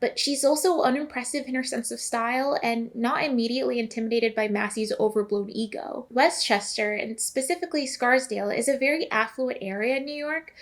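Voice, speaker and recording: A young woman narrating a video essay in a casual, chatty way, with asides to the viewer. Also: on the high side.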